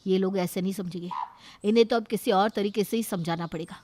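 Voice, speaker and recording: A woman's voice: mid-range voice, quick pace, a little mellow, dry recording, close to an everyday voice. A woman voicing a protective, indignant young brother in a cartoon story. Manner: indignant, pleading, argumentative.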